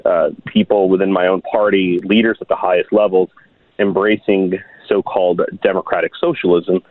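A man in his thirties speaks in a deep, low voice over a thin, tinny phone line. He talks earnestly and haltingly, restarting his sentences and filling gaps with "uh". The line sounds dry, with no room around it. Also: little pitch movement, no room sound. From Miami, United States. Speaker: guest writer. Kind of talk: radio interview over the phone.

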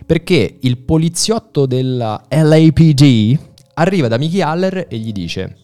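A man's voice: a little high, expressive, a little slow, dark tone, faint music behind. A man telling a story to friends in an emphatic, informal way, acting out dialogue and repeating words. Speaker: podcast host recounting a TV series.

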